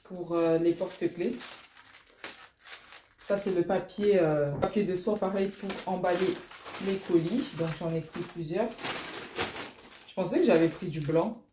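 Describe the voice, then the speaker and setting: A young woman chatting casually in a vlog, excitable and full of fillers and repeated words as she unpacks her orders. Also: fairly low pitch, a little slow, pauses often. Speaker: small-business vlogger. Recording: echoey room with loud rustling noise. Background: crinkling packaging and clicks.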